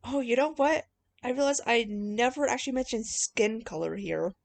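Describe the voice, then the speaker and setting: A woman's voice: fairly high pitch, moderate pace, vocal fry. A woman doing casual commentary on her own old writing as she reads it out, with mocking, self-deprecating asides. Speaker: video host reviewing own old writing. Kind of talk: casual commentary with read-aloud story passages.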